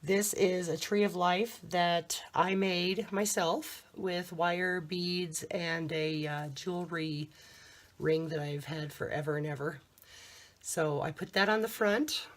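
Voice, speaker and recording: A mature woman speaks in a slightly low, croaky voice, hoarse from throat trouble. She takes her time, very unhurried and hesitant, in the chatty style of a homemade craft vlog. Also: a bit bright. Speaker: crafter presenting a handmade journal. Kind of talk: casual show-and-tell vlog.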